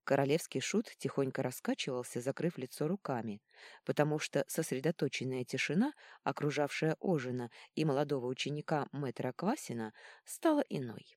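Low warm woman narrating an audiobook. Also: no echo, studio quality. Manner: expressive storytelling.

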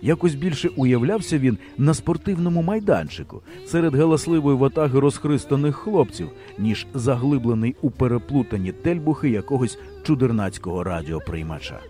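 Expressive male audiobook narrator. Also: medium pitch, brisk, few pauses, faint music behind. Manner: expressive, humorous storytelling. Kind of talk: scripted narration.

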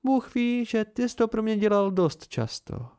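Man putting on a soft playful young woman. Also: sits high, lively intonation, clean tone, voice pushed up. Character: gentle young woman, playful, weary, teary.

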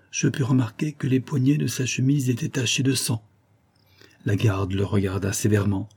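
A man reading a literary story aloud in a measured, even narrating voice. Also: lowish voice, husky. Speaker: audiobook reader.

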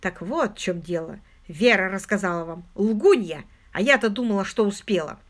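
A woman's voice: mid-range voice, lively intonation, normal speed, lightly acted. A woman voicing a cold, scheming, secretive woman who speaks sharply and with a hiss in an audiobook. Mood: hostile. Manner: sharp and hissing.

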